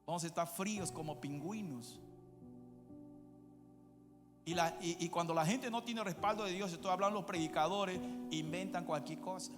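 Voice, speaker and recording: A male pastor preaching a sermon, moving from quiet asides to shouted climaxes. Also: high voice, moderate pace, pauses often. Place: church. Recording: long church reverb with music behind.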